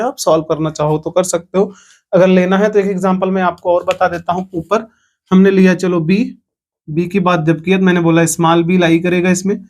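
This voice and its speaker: A man's voice: high-pitched, a little mellow. A man teaching a maths lesson online, explaining step by step and asking the class questions. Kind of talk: online lecture.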